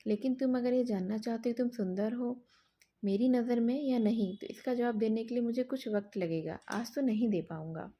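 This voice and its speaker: A woman narrator voicing a reserved young husband who speaks slowly and carefully. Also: on the high side, warm tone, lightly acted.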